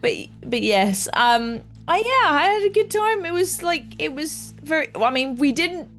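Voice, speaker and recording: A woman's voice: sits high, sing-song, moderate pace, a bit bright, faint music behind. A woman player chatting casually in a hesitant, rambling way. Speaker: tabletop game player. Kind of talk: casual chat.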